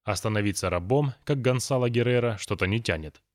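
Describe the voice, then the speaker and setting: A gruff, know-it-all grown man, voiced by a male audiobook reader, who lectures his friends slowly and snaps at children. The voice sits low and close, with a dry, unechoing sound. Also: no echo, natural voice. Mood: musing. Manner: thoughtful, lecturing, then scolding.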